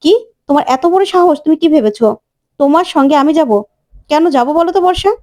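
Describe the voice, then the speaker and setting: A woman voicing an angry young husband who confronts his wife forcefully. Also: high-pitched, animated, quick pace. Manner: forceful, indignant.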